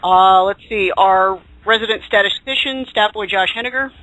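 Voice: medium pitch, moderate pace, bright, forceful tone, no echo, muffled recording. A host of a live group talk show, chatting and introducing people with a showman's flourish.

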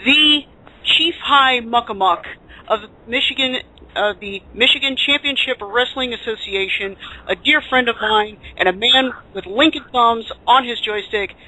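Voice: medium pitch, unhurried, pushed and bright, rough recording. A host of a live group talk show, chatting and introducing people with a showman's flourish.

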